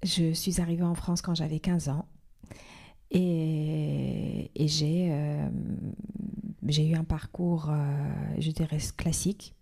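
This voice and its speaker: A woman in her fifties talks slowly and thoughtfully, often pausing and restarting her sentences. Her voice sits a little low and sounds mellow. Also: steady tone, gravelly. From Iran. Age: 50s. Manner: hesitant, many fillers and restarts. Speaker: podcast guest. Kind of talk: reflective interview talk.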